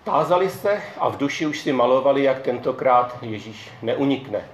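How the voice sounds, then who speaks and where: Calm male narrator in an echoey room. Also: medium pitch. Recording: dull echoey room, faint ambience.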